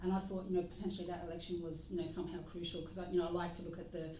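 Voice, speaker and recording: A woman's voice: lowish voice, level tone, very fast, warm tone, a little hiss or hum. An Australian woman speaking as a guest practitioner in a casual, reflective conversation about nature. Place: meeting room indoors. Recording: echoey room, mic at a distance.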